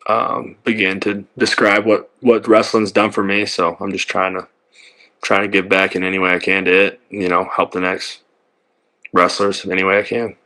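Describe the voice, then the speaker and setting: A young man as an interview guest, talking modestly and hesitantly with pauses. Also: low-pitched, flat delivery, bright, forceful tone. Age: young adult. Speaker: guest, college wrestler. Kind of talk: casual interview chat.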